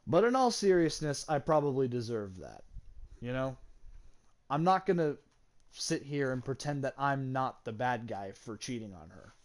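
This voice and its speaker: A man's voice: mid-range voice, sing-song, normal speed. A young man candidly telling a personal story, swearing freely and sounding regretful. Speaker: gaming channel host.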